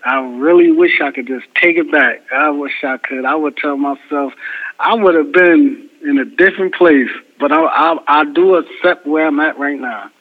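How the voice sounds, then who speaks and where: A man speaking over the phone as an interview guest, giving soft-spoken, thoughtful, halting answers. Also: on the high side, expressive. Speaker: interview guest, brewery crew chief. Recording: tinny phone line.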